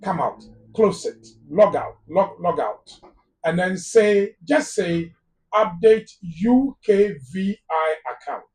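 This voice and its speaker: An emphatic Ghanaian man, a guest immigration lawyer on a live phone-in advice show, speaks in Ghanaian English with a high, animated voice. He talks slowly and repeats words for stress. He sits a little off-mic, so the recording sounds distant and rough.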